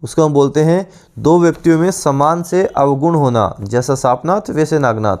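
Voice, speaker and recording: Male exam coach, slightly high voice, drills each word over and over. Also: darkish tone. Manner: repeats each word slowly several times; drills with rhetorical questions. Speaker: teacher. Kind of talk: exam-prep grammar lesson.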